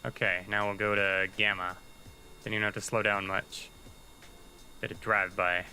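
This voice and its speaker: A man with a very bright, sharp-edged voice talks his way through a game on a livestream, chatty and thinking aloud. He mutters little asides to himself as he plays. A faint hum sits under his voice. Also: lowish voice, level tone, moderate pace, rough recording. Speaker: livestreaming gamer. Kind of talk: casual gameplay commentary.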